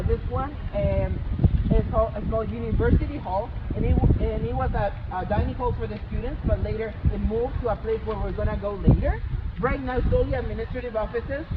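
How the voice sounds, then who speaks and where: A young man from Chile with a Chilean accent, a student earnestly explaining things while walking outdoors on a college campus. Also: high-pitched. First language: Spanish. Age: young adult. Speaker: student tour guide. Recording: tinny phone-like audio with loud outdoor traffic noise.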